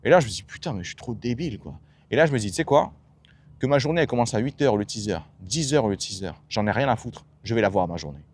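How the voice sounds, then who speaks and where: A man talks quickly in a fairly low voice. He coaches his listeners in an emphatic monologue. He keeps firing rhetorical questions and dropping blunt slang. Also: animated. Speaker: self-development coach. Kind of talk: motivational monologue.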